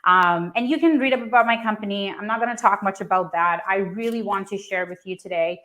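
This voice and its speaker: Speaking a little fast in a medium-pitched, somewhat bright voice, a Pakistani woman in her thirties relates her personal journey as a founder at a startup event. She talks casually, with many fillers and false starts.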